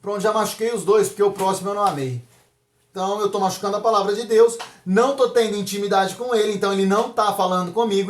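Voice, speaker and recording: A man preaching as a pastor in a casual, conversational sermon, with lively asides. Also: high voice, roomy sound. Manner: animated, acts out dialogue, casual asides.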